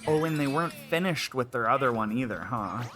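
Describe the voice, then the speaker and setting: A man's voice: mid-range voice, expressive, brisk, fairly bright tone, faint music behind. A man streaming live, chatting casually while feeling sick, rambling with lots of filler words. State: unwell and queasy.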